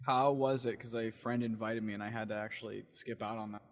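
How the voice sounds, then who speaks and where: A man co-hosting a podcast, joking with a deadpan, playful manner. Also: lowish voice, fairly quick. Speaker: podcast co-host. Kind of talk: casual podcast chat.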